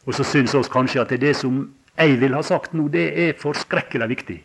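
A man preaching a sermon, halting and repeating words, then building to emphatic stretches. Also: mid-range voice, husky.

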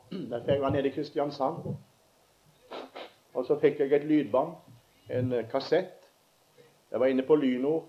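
An older man preaching a sermon, rising to loud emotional peaks and then dropping into soft, slow prayer. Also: medium pitch, highs cut off. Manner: builds to loud emotional climaxes, then prays softly.

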